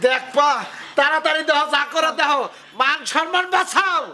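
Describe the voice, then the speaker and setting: An actor playing a proud village headman and father-in-law, ranting in loud agitation about his honor. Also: extremely high pitch, moderate pace. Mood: agitated. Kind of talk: rural comedy drama acting.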